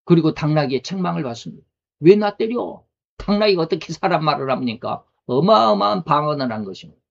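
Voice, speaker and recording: A man's voice: a little high, lively intonation, fast talker, creaky. A male pastor preaching a sermon in a conversational way, asking rhetorical questions. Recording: dull lo-fi recording.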